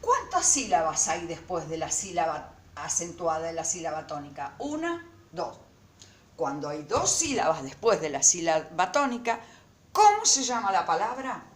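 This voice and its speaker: A woman teacher giving a recorded lesson to her students, speaking slowly and emphatically and repeating words syllable by syllable. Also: lowish voice, sing-song, roomy sound.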